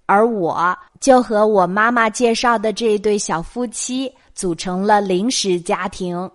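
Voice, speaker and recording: A woman's voice: mid-range voice, a little slow. A middle-aged woman with a Mainland Chinese Mandarin accent tells childhood memories as bedtime stories in a conversational way. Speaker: storytelling host of a bedtime show.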